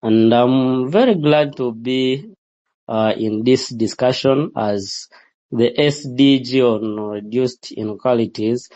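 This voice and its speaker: A man speaking as a guest in a panel discussion, halting with many filler sounds. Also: medium pitch, a little mellow. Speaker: executive director, guest. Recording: dull lo-fi sound.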